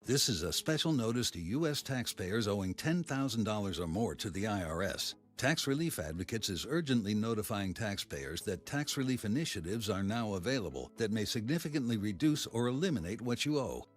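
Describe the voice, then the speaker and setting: A man's voice: on the low side, very animated, fairly quick, few pauses. A man reading a scripted advertisement in the style of an urgent public notice. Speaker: commercial announcer. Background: music.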